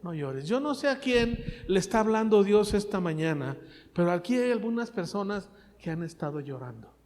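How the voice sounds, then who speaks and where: A man preaching a sermon, asking the congregation questions and swinging between loud and soft. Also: sits high, in a large hall. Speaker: pastor.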